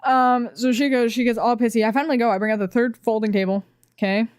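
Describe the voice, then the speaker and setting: A woman streamer telling a workplace story to her chat in a casual, animated way, swearing freely. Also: fairly high pitch, fast talker, no room sound. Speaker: streamer reacting to videos.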